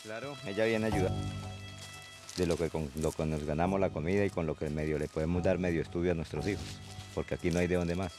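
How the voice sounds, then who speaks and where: A man's voice: deep voice, steady tone, quick pace, music in the background. A man with a Colombian accent explaining things casually, as a farmer interviewed outdoors. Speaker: coca farmer being interviewed. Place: outdoors in the countryside.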